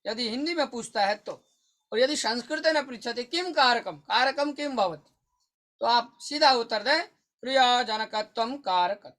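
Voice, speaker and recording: A man teaching an online exam-prep lesson, repeating key points to his listeners and slowly chanting verses in a sing-song way. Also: very high voice, lively intonation, sharp tone. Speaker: Sanskrit teacher.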